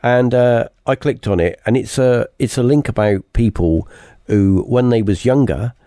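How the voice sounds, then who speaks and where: A man's voice: mid-range voice, moderate pace, mellow, dry recording, clean studio sound. A man hosting a podcast, chatting casually in a jokey, rambling way with lots of fillers. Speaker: podcast host. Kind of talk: casual chat.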